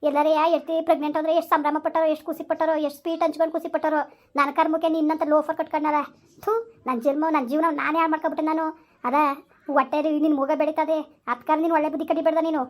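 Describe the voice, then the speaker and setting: Very high-voiced scolding woman. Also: little pitch movement, racing. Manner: scolding, cursing, repetitive rants. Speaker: angry mother and wife in a skit. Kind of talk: village comedy skit acting.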